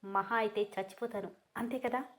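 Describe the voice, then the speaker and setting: A woman voicing a distraught young woman, shrill and tearful. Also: fairly even intonation, moderate pace, lightly acted. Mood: angry tearful. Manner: tearful, high-pitched shouting.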